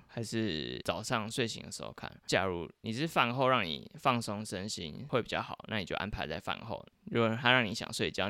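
A male podcast host with a Taiwanese accent talks listeners through things casually. His voice is fairly low and bright, and his intonation moves up and down in a lively way. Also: no echo, clean studio sound.

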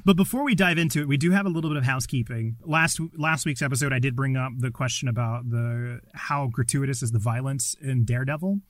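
A man's voice: medium pitch, quick pace, hardly any pauses, dry recording. A man co-hosting a casual podcast, chatting informally from a small closet. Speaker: podcast co-host.

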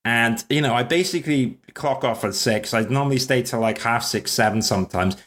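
A man's voice: medium pitch, brisk, fairly bright tone. Chatty Welsh-born man hosting a podcast. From Wales. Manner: chatty, rambling, self-deprecating. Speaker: podcast host. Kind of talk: casual chat.

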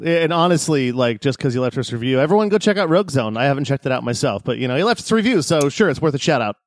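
A man co-hosting a gaming podcast, joking and wry with quick asides. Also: medium pitch, big pitch swings, no room sound, clean studio sound. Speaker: podcast co-host. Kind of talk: casual podcast chat.

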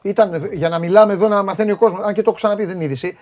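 A man hosting a sports radio show, chatting casually and teasing his guests, with quick restarts. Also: high voice, fairly even intonation, a little mellow. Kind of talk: casual chat.

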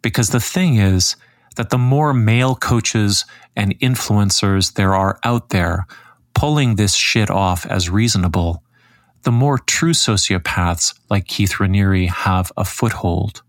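A man hosting a podcast, reading scripted commentary in a measured, critical way. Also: on the low side, dry recording. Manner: measured, critical, reads quotes aloud. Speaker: podcast host.

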